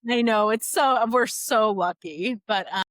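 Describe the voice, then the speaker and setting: A woman guest on a podcast, telling a personal story in a chatty, animated way, full of "like" and "you know". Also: a little high, a little slow, dry recording. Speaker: podcast guest, doula business founder.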